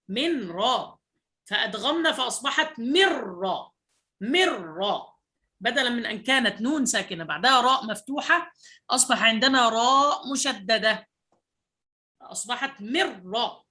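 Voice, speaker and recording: A man teaching Quran recitation rules, explaining patiently and repeating example words slowly. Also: very high-pitched, bright, forceful tone. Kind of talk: recorded online lesson.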